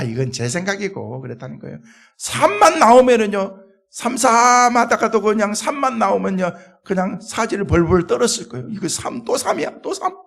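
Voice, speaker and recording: Male pastor with a high, gravelly voice; animated sermon, acts out the dialogue. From Korea. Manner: animated storytelling, acting out dialogue. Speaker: senior pastor.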